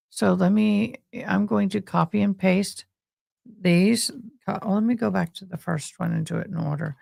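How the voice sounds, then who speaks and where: A woman hosts a livestream with heavy, gravelly fry in her voice. She chats casually and folksily, speaking straight to her viewers. The sound is close and dry. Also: mid-range voice, darkish tone, dry recording. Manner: folksy, talks directly to viewers with y'all. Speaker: livestream host. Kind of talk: casual livestream chat and commentary.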